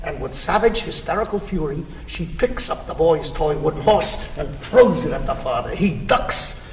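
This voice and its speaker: A man's voice: a little high, a little hiss or hum. A man acting a boastful, competitive self-made businessman in a stage comedy, bragging theatrically in long lists. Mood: dramatic. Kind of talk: stage comedy cast recording. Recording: echoey theater with long reverb.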